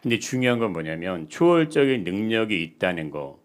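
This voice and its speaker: A male pastor giving a sermon, asking the congregation questions and swinging between soft, quiet lines and loud, emphatic ones. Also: on the low side, very animated, brisk, smooth.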